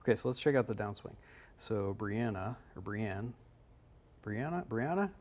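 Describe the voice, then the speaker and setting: A man's voice: lowish voice, lively intonation, moderate pace, darkish tone. A man working as a golf instructor, explaining swings in a loose, conversational way on a live analysis show.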